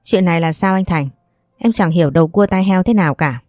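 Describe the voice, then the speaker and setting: A scheming middle-aged sister-in-law with a wheedling, complaining way of talking, as a woman storyteller puts her on. Low, mellow voice, dry close sound. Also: fairly quick, no echo, natural voice.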